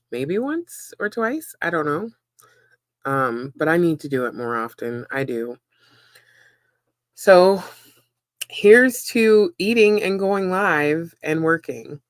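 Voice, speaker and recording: A woman with a low, expressive voice speaks slowly and pauses often in a dry recording. She's a livestreamer and web content creator, chatting casually while she eats and works, rambling with lots of ums and likes.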